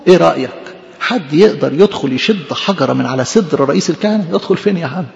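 A man's voice: fairly high pitch, expressive, quick pace, creaky, a little mellow, long reverb tail, dull audio. A man preaching a fervent sermon as a priest, emphatic and repeating phrases for stress, with an Egyptian accent. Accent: Egyptian Arabic.

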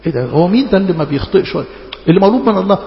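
Rapid-fire and sing-song, a high, gravelly male voice with an Egyptian Arabic accent delivers a conversational, colloquial sermon full of rhetorical questions and emphatic repetition. The big hall makes the sound muffled and echoey, with long reverb.

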